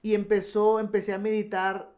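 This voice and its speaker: A man's voice: high voice, completely flat delivery, normal speed, a little mellow. A man telling his personal testimony on a radio program, earnest and full of restarts. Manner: earnest storytelling with many restarts. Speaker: guest giving testimony.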